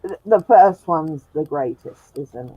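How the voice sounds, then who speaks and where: A husky, low-sitting female voice, expressive and slow, comes through with no room sound. She hosts a sci-fi live stream in a room with a glass roof, chatting casually and often laughing, and the audio is dull, lo-fi and dry.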